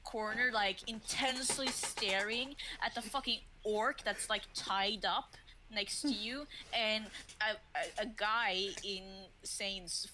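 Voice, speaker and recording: Bright-voiced woman running a tabletop game. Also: medium pitch, slow pace, a little hiss or hum, rough recording. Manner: loose and chatty, laughs often, lots of fillers. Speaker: game master. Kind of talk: narrating a tabletop game on stream.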